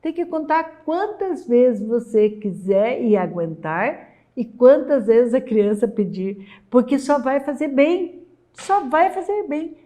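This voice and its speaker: A woman's voice: sits high, expressive, slow pace, mellow. A middle-aged woman with a Brazilian accent, a literacy educator giving an emphatic lesson for mothers and repeating her key points. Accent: Brazilian Portuguese. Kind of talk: talking-head lesson for mothers.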